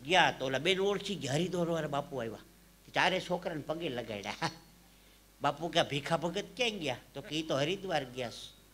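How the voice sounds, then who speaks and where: A man from Saurashtra, telling comic stories live on stage into a microphone. His delivery swings from hushed asides to loud punchlines. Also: on the high side, expressive, fairly quick. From Saurashtra, Gujarat. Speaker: stage comedian and storyteller. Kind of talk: live folk comedy storytelling.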